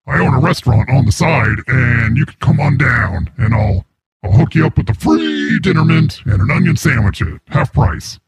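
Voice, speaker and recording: A man's voice: mid-range voice, big pitch swings, moderate pace, heavily acted. A man pranking over a call, using a voice changer to play a crude, self-important male neighborhood boss. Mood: smarmy. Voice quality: gravelly, raspy. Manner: rambling prank-call banter, mocking. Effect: voice changer distortion. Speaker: prank caller.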